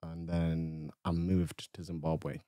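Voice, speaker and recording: Young male podcast guest from Ethiopia, very low voice, relaxed storyteller, dry close-miked sound. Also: takes it slowly, no echo. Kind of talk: casual chat.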